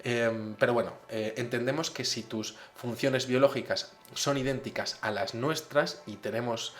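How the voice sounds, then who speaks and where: A man voicing a friendly male alien who explains things calmly and reassuringly. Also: medium pitch, normal speed, close to an everyday voice.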